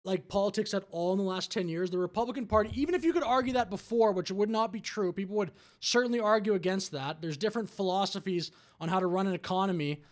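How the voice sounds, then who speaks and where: A man with a notably high voice delivers political reaction commentary. He argues each point with exasperation, pushing back hard on what he has just heard. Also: fast talker, hardly any pauses. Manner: argumentative, exasperated. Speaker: commentary host.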